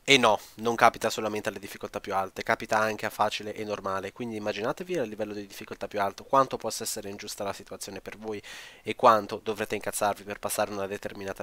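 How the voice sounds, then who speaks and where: A man's voice: fairly low pitch, sharp tone, no echo. A man giving a blunt, opinionated game review to his viewers, ranting and swearing freely. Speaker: gaming video creator.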